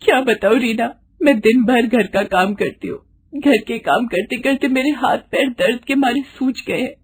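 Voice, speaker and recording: A woman voicing a meek, frightened young daughter-in-law who pleads softly and tearfully in a storybook reading. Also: a little high, breathy edge, pitched above the performer's own voice.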